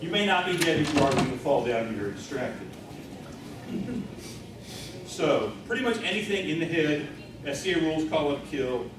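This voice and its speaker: A man speaks in a blunt, matter-of-fact way, somewhat high in pitch, lecturing to a room. The sound is very reverberant and distant, picked up by a camera far across a large hotel meeting room with steady background noise. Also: normal speed, pauses often. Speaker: keynote speaker. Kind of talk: lecture with demonstration. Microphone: far camera, no visible mic.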